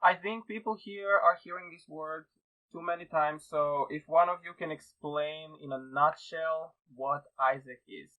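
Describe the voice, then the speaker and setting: A man's voice: fairly high pitch, unhurried, phone-quality sound. A man from Serbia hosting a casual podcast over a video call, upbeat and joking. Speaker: podcast host. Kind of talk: casual online podcast chat.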